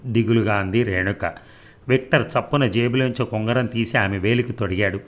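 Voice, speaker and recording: Low-voiced man reading a novel. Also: a little fast. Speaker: narrator.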